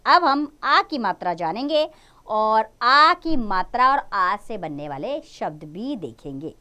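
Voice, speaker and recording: A young woman teaching a Hindi lesson to small children. She draws out each word slowly, repeats it, and coaxes them with questions. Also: a little high, big pitch swings, pushed and bright, clear, resonant tone. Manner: drawn-out syllables when modelling words, repeats each word twice. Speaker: primary school Hindi teacher.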